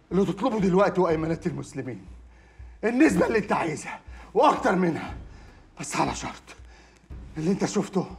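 A sly, wheedling Egyptian brother-in-law. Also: male voice, extremely high pitch, full character voice. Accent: Egyptian Arabic. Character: sly drug-dealing brother-in-law, loud, pleading, weaselly. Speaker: actor. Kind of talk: TV drama acting.

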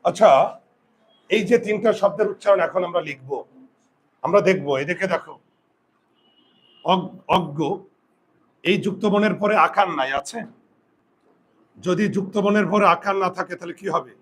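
A man's voice: high voice, brisk, pauses often, fairly bright tone, a little hiss or hum, low-quality recording. A man teaching a pronunciation lesson in class. He drills the rules over and over and keeps asking his students questions. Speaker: Bengali grammar teacher.

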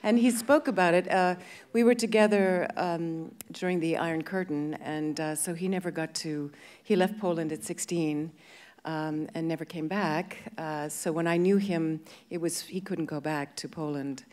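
A woman's voice: low-pitched, fairly even intonation, normal speed, a little mellow. A woman in her fifties, a guest actress in an on-stage interview, talking with handheld mic and hesitant restarts. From born in England, grew up in Canada. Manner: hesitant, many restarts and fillers. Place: large festival stage before an audience.

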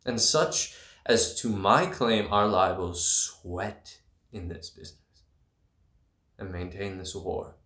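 A man's voice: lowish voice, expressive, slow pace, bright, forceful tone, heavily acted. A man in his twenties playing a proud, defiant young prince in a Shakespearean monologue, declamatory and formal. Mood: proud resolve. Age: 20s. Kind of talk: Shakespearean stage monologue, self-taped. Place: indoors, small room against plain backdrop. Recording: roomy, echoey small room.

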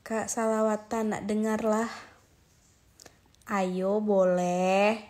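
A woman's voice: medium pitch, little pitch movement, drawn-out words, a little mellow. A young woman in her twenties from Aceh, chatting casually on a phone live stream while lying in bed, reading viewer comments aloud and coaxing them to join her. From Aceh, Indonesia. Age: 20s. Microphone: phone held at arm's length.

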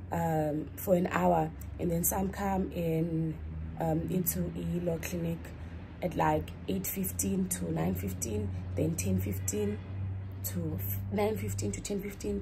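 Rambling and self-correcting, a young woman vlogs from her small dorm room, chatting casually into a phone camera at arm's length. She's a student and a young adult, with a lowish, gravelly voice. Noise fills the background.

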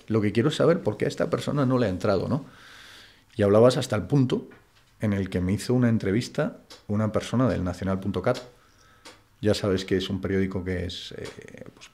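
This Madrid-accented Spaniard, a guest on an interview, has a lowish, dark voice with vocal fry. His casual chat is blunt and slangy, packed with "tío" and "macho."

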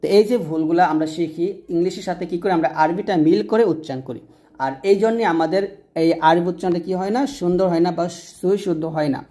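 Bangladeshi lady teaching letter sounds slow and patient, lowish mellow voice. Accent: Bangladeshi Bengali. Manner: patient, repeats each sound slowly. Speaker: Arabic pronunciation teacher. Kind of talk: explaining letter by letter.

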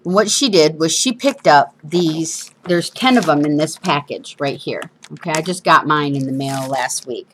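A woman's voice: low-pitched, moderate pace, few pauses, slight background noise, poor audio. A woman with whistling sibilants from missing front teeth, hosting a casual, chatty craft demonstration with informal, self-deprecating asides. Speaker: craft show host. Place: indoors at a craft table.

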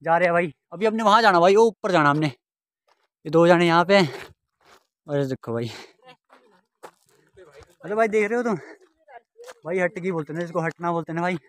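A young adult man vlogs his travels along mountain roads and trails, chatting casually and constantly calling his viewers brother, his slightly bright, high-sitting voice moving at normal speed with long pauses. He records on a phone or helmet camera, and wind and traffic noise fill the outdoor audio.

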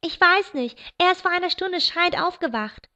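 A woman's voice: sits high, moderate pace, fairly bright tone, voice pushed up. A woman reading the part of an agitated, stressed teenage girl. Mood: flustered. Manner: agitated, raised voice. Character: excitable teenage girl, stressed younger sister. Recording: dull lo-fi recording.

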